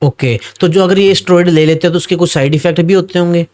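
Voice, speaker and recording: A man's voice: sits high, fairly even intonation, fast, darkish tone. Polite male podcast host. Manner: polite, frequent short acknowledgments. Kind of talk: interview questions.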